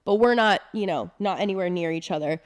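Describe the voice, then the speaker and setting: A woman's voice: fairly low pitch, fairly quick. A young woman co-hosting a casual chat podcast, with wry, joking remarks and easy storytelling. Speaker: podcast co-host.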